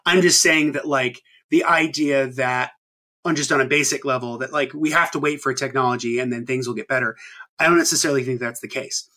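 In casual podcast chat, a thirty-something male host rambles, full of ums and false starts. He speaks fairly quickly in a mid-range voice with fairly even intonation, sounding bright and forceful.

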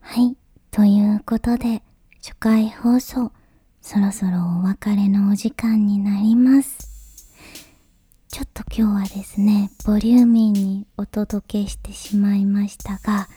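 A woman hosting a late-night podcast in a soft, breathy, whispery voice, speaking to listeners in extremely polite, formal phrasing. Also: medium pitch, fairly even intonation, measured pace. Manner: ultra-polite, formal honorific Japanese phrasing. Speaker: podcast host.

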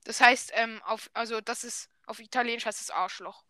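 Woman, playful teaser, sharp bright tone. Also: on the high side, fairly even intonation, moderate pace. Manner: playful, teasing, laughs often. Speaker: vlogger teaching a friend. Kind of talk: casual chat.

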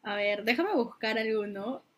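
A woman co-hosting a casual chat, giggly and lively as she tells a story. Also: a little high, normal speed. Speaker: podcast co-host.

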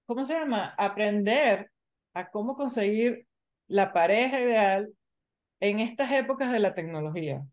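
A woman in her forties hosting a casual chat, talking in an animated, emphatic way. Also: mid-range voice, normal speed.

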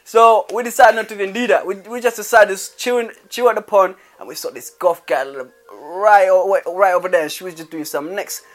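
A man's voice: high-pitched, a little fast, few pauses. Rambling man telling stories. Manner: rambling storyteller, frequent restarts and slang tags. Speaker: podcast host. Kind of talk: casual chat.

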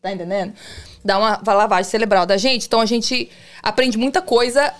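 A woman with a medium-pitched, fairly even voice tells stories on a podcast in a casual, chatty way. She's a police officer who talks rapidly and keeps asking "you understand?" to make sure her listeners are following.

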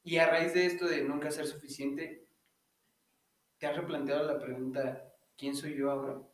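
Man, Mexican accent, slightly high voice, casual interviewer, brief teasing questions, echoey room. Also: little pitch movement, normal speed. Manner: teasing, short probing questions.

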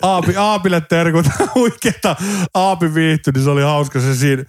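Excitable man telling fan stories. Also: on the high side, dry recording, clean studio sound. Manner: animated, swears, mimics others in anecdotes. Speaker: podcast co-host. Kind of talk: casual storytelling chat.

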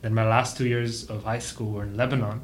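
A man's voice: on the low side, little pitch movement, slight background noise. A man in his twenties chatting casually on a podcast, playful and teasing. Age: 20s. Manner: playful, teasing, quick laughs. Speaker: podcast co-host. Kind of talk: casual chat.

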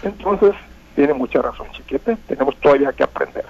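A man with a gravelly, husky voice and giving emphatic live election commentary, repeating phrases as an analyst. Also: medium pitch, animated, fairly quick. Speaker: political analyst on radio. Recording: dull, lo-fi radio sound.

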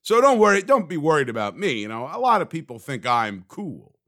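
A man hosts his own comedy podcast with a voice pitched a little above the usual male range. He rambles from one thought to the next in a dry, sarcastic, self-mocking way. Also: very animated, brisk, fairly bright tone. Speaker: podcast host. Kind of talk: comedic solo podcast monologue.

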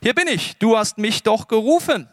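An eager boy answering the call in a retold scripture story, as a man puts him on, lifted a little above a man's own speaking pitch. The voice is high and keen, pushing the words out readily. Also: animated, moderate pace, no echo, clean studio sound.

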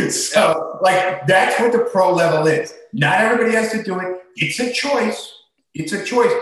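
A male podcast host chats casually, giving blunt opinions and swearing, in an empty room that echoes like a cave. He has a high-pitched voice with a fairly bright tone.

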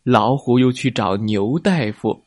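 A young adult man narrating a children's story in a gentle, clear way, speaking to children. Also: medium pitch, lively intonation, measured pace, dry recording, clean studio sound.

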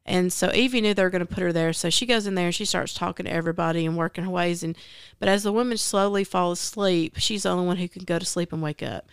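A woman's voice: on the low side, quick pace, few pauses, smooth, no room sound, studio quality. A woman with a Southern US accent hosting a casual book chat, retelling a story in a rambling way with many fillers. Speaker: podcast host.

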